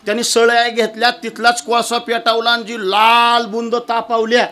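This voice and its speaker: A man from Maharashtra preaching a devotional kirtan sermon, telling stories in an animated, dramatic way that swings between loud and soft. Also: very high-pitched, normal speed.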